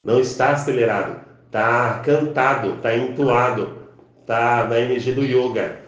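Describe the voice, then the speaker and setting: A man teaching a spiritual class, reciting prayers and drawn-out chants to a camera. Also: medium pitch, dull audio. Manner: slow, intoning, drawn-out chanting delivery. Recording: very echoey room.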